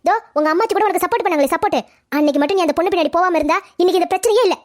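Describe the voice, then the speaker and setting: A woman voicing a quarrelsome, defensive middle-aged mother in a cartoon family drama, talking fast and pleading. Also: no room sound. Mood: accusing. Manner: rapid, shrill, pleading and quarrelsome.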